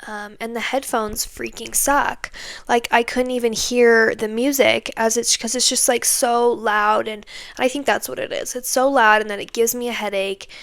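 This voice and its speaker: A young woman with a slightly high voice talks in a loose, casual monologue. She vents with exasperation and leans on fillers like "like" and "okay". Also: steady tone, moderate pace, creaky, a bit bright. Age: young adult. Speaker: podcast host.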